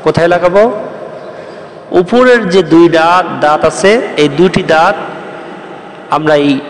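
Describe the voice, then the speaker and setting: A man's voice: on the high side, a little slow, reverberant, big-room sound, slight background noise. A man from Bangladesh teaching the Arabic letters, explaining each step patiently and chanting the rhymes in a sing-song voice. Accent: Bangladeshi Bengali. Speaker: Quran teacher.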